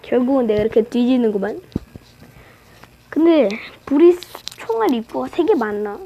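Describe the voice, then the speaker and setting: A woman with a high, light voice talks through a match as she plays, cheerfully teasing her opponents. Her delivery is loose and chatty, like live game commentary on her own channel. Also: expressive, normal speed, mellow, lo-fi sound, a little hiss or hum. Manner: playful, teasing trash talk at opponents. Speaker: gaming channel host.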